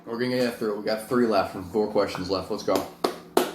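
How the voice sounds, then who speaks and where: A man's voice: fairly low pitch, fairly even intonation, brisk. A man chatting casually and informally to camera as a vlog host, rambling a little and poking fun at himself. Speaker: vlog host and amateur wrestler. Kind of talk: casual chat to camera while eating hot wings. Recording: roomy echo with faint background noise.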